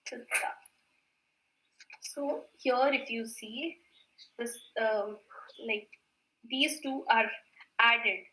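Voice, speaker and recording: Slow-speaking woman teacher, echoey room. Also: fairly high pitch, pushed and bright, slight background noise. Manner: patient, repeats words slowly, mixes in Hindi; clears throat often. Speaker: Korean language teacher. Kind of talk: online grammar class.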